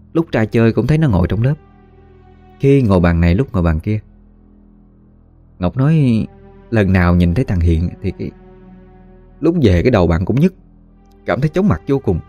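A man narrating a spooky story in a folksy, animated way, acting out the voices of the people in it. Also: lowish voice. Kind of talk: spoken ghost story narration.

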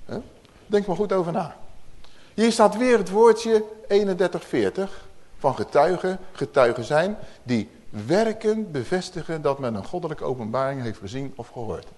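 A man preaches to a congregation in a chatty, teaching way, often turning to his listeners with questions. His voice sits somewhat high and moves animatedly through a wide range of pitch. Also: lively intonation, normal speed, darkish tone. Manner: conversational teaching with rhetorical questions. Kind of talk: sermon.

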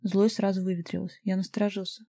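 Mellow-voiced woman narrating a novel. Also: mid-range voice, flat delivery, fast talker. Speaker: audiobook narrator. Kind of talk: first-person novel narration.

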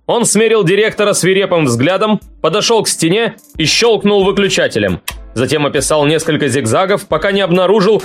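Man narrating a story, higher voice. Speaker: audiobook narrator.

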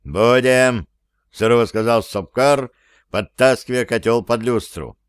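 A man narrating a storybook in a measured, even voice. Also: medium pitch, clear, resonant tone, dry recording. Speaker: audiobook narrator. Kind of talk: scripted narration.

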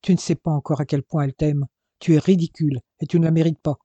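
A man reading aloud as a furious young man who talks in sharp, raised, scolding bursts. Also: fairly high pitch, fairly quick, dry recording, highs cut off, close to an everyday voice. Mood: impatient.

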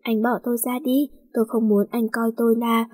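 A woman's voice: fairly high pitch, level tone, fairly quick, a little mellow, slightly rough, no echo. A woman voicing a stubborn, jealous young woman who answers in curt retorts. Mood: upset. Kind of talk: storybook reading.

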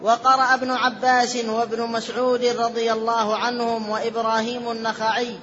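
Student reader, male, very high and monotone, formal recitation, dull lo-fi recording with faint hiss. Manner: measured formal recitation with careful vowel marking. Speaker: student reading the text aloud. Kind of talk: reading a classical text aloud in a lesson.

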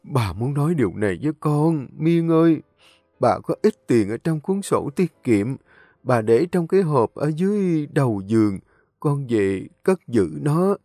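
Man putting on a sick old granny, high and soft, slow and resigned, dry close sound. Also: very animated, no room sound, soft background music, heavily acted. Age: older. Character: frail old grandmother, gravely ill, resigned and loving.

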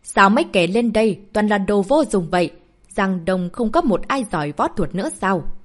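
An arrogant male fighting champion from an audio storybook looks down on everyone below the arena stage, voiced by a woman narrator. His taunts carry open contempt, and his pitch rises and falls with plenty of movement. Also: animated, normal speed, lightly acted. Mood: scornful. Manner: scornful taunting.

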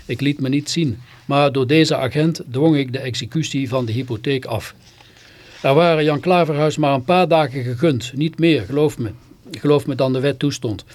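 A man's voice: mid-range voice, darkish tone. A man reading a first-person story on literary radio in a theatrical, scornful way, with sudden bitter outbursts.

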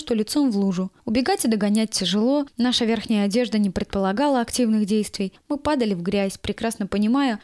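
A woman reading a first-person story aloud in a steady, even storytelling manner. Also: mid-range voice, no room sound, studio quality. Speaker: narrator. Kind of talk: first-person audiobook narration.

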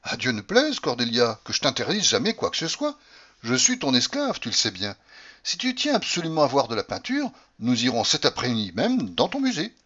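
A man's voice: medium pitch, huge pitch swings, brisk, fairly bright tone. An adoring young lover, played by a male reader who protests emphatically and talks in exclamations. The audiobook sound is dull and lo-fi. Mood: protesting.

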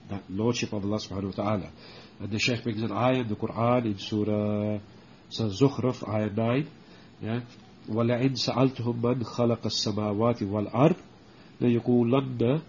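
A man teaching a religious book lesson, explaining slowly with many restarts and checking in with "okay?", and reciting Arabic verses quickly. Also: on the low side, darkish tone, highs cut off, slight background noise. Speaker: Islamic teacher.

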